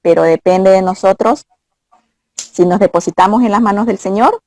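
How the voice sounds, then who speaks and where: A woman of middle pitch talks earnestly through Bible passages, as if teaching a friend across the table. The sound is dry and close, with no room around it. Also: moderate pace, dark tone, dry recording. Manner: earnest, quotes scripture, mimics voices.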